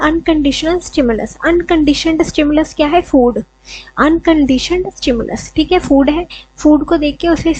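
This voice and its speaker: A woman's voice: high voice, a little mellow, rough recording. A woman teaching an education lesson, explaining step by step and often checking in with "okay". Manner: mixes English terms, repeats "ठीक है" often.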